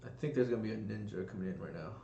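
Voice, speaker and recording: A man's voice: fairly low pitch, expressive, very fast, creaky, warm tone, echoey room, highs cut off, slight background noise. A man streaming a card game, thinking aloud in a casual, hesitant way with many fillers. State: burping and coughing at times. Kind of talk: casual live-stream commentary.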